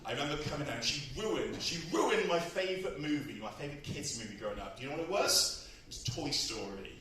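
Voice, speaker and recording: A man doing a crude, self-mocking stand-up comedy set, out of breath and often bursting into shouts. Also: a little high, expressive, brisk, slight background noise. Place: comedy club stage. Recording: echoey club, far from mic, loud crowd. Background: audience laughter.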